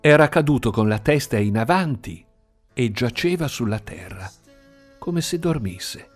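A man reading a story aloud in an expressive, sing-song storytelling manner. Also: medium pitch, measured pace. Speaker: narrator. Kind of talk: audiobook reading. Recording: faint music behind.

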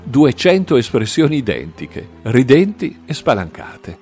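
A man narrating a novel in an expressive, varied reading. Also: mid-range voice, a little slow, soft background music. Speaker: audiobook narrator.

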